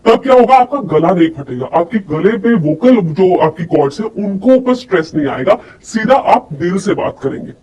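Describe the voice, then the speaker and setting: There's a distant microphone and faint background noise as this voice and personality coach teaches, speaking to listeners directly with demonstrations and rhetorical questions. Her mid-range voice has a dark tone and breathy edge, with lively intonation at a moderate pace and hardly any pauses.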